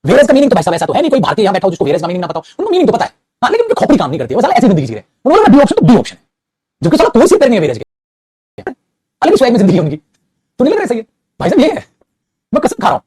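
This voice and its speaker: A young man teaching English grammar online. He talks very fast in a lively, high voice that swings widely in pitch. His tone is slightly husky, and the recording is dry and close. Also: dry recording. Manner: scolding, teasing, mixes Hindi and English. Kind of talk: online exam-prep lecture.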